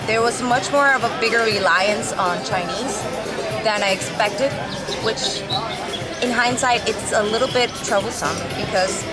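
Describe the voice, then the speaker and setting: A woman's voice: on the high side, unhurried. A young woman from the Dominican Republic, an international student giving articulate, reflective interview answers. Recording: loud background music and crowd noise.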